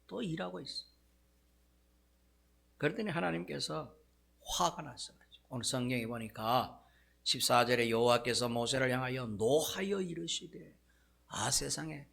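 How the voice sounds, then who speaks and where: A male pastor preaching a sermon, telling the story in a lively way with frequent asides to the congregation. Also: mid-range voice, gravelly, slightly rough.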